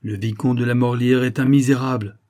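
A man's voice: on the high side, expressive, normal speed, warm tone, breathy edge, pitched above the performer's own voice. A man reading aloud plays a cunning disguised adventurer who speaks with sure, commanding knowingness. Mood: urgent, insistent.

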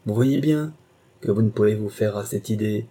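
A man's voice: fairly low pitch, moderate pace, mellow. A man reading a passionate young woman governess in an audiobook, impassioned and pleading. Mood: anguished.

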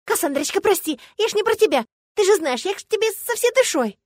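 A woman's voice: a little high, fast talker, breathy edge, no room sound, studio quality. A woman voicing a cheeky young male student prankster who makes wheedling excuses in an audiobook. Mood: pleading.

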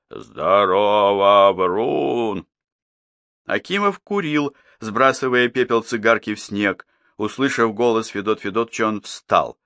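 A man narrating an audiobook in a steady, measured reading. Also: mid-range voice, dry recording, studio quality. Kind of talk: scripted narration.

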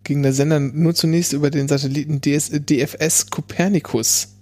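A man's voice: a little high, steady tone, brisk, darkish tone, faint music behind. A man chatting casually as a podcast host, hesitant and often restarting his phrases. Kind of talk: casual chat.

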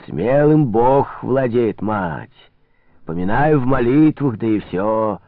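A man's voice: mid-range voice, lively intonation, slow pace, no echo. A man reading the part of a jolly, gluttonous old village priest who drawls in hearty, churchy phrases. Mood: jovial. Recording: dry, narrow phone-like sound.

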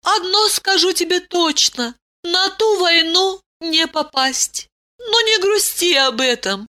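A woman putting on a very high stern princess voice, ancient and regal, slow and sing-song, storybook reading. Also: animated, pushed and bright, full character voice. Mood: regal, tender.

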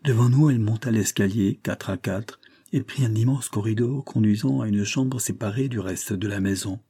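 A man narrates a detective tale in a steady, measured reading. His voice sits low, dark and mellow, with a husky grain. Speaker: audiobook narrator. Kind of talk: scripted narration of a detective story.

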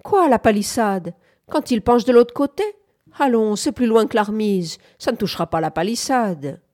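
A woman voicing a sarcastic old farmer who mumbles and mocks, a little higher and louder than her own voice. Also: sing-song, measured pace. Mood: scoffing. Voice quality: mumbling, sly, caustic.

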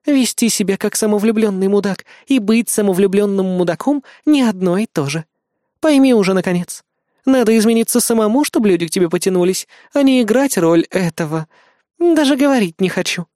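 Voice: medium pitch, expressive, a little fast, dark tone, dry recording, studio quality, pitched above the performer's own voice, lightly acted. A reader voicing a sarcastic female assistant. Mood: exasperated. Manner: scolding, mocking.

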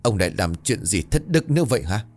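A frightened older wife begging her husband to stop his evil, as a male narrator puts her on. Her voice trembles and wavers, pleading through tears, with wide shifts in pitch. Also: big pitch swings, brisk, a little mellow, faint music behind.

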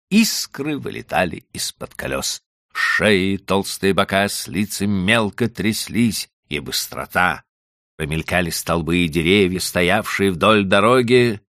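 Low-voiced man narrating dramatically. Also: pushed and bright, no room sound, studio quality. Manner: dramatic first-person storytelling. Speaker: audiobook narrator. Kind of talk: scripted narration.

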